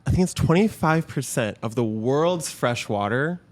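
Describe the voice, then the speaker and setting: Young Michigan-born creator, relaxed guest telling anecdotes in a chatty way. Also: male voice, mid-range voice, normal speed. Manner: chatty storyteller, lively quoted asides. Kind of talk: casual podcast interview.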